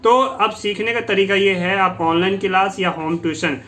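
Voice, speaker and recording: A man teaching English phrases in Hindi, repeating each phrase slowly and explaining it patiently to his students. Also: sits high, fairly even intonation, pushed and bright. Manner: slow, repeats each phrase twice, drawing out English words; addresses listeners as "beta", explains patiently. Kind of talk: Hindi-language English lesson.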